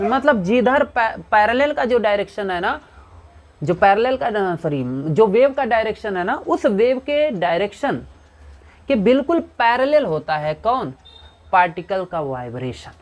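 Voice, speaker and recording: In a physics revision lecture, an Indian-accented man with a high voice asks questions, supplies his own answers, and reads English definitions at a slow pace.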